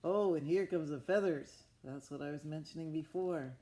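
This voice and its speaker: A woman with a low, mellow voice speaks at a moderate pace, making up a story from a picture book. She talks expressively and full of wonder, as though addressing young children, in the role of a storybook narrator.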